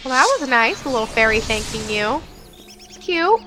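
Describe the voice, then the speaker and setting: A woman's voice: a little high, big pitch swings, normal speed, over music. A woman hosting a casual game walkthrough on a headset mic, chatty and informal, thinking aloud as she goes. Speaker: gaming video host.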